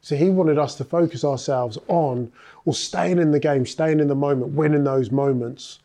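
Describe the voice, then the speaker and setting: A man's voice: a little high, moderate pace, mellow. A man, a former rugby player, recounting his career in a casual interview, thoughtful and full of filler sounds.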